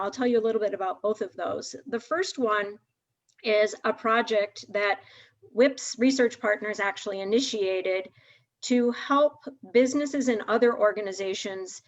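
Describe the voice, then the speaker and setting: A woman from Massachusetts, a guest research director, explaining her work clearly in a casual video call conversation. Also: medium pitch, muffled recording.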